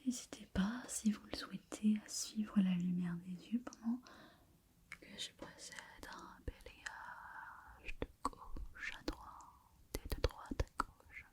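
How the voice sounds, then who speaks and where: A woman in a whispered role-play as a gentle sleep doctor, hushed and quiet as if at night, soothing and lulling as she softly repeats words. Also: medium pitch, slow pace. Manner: hushed, quiet night-time bedtime delivery.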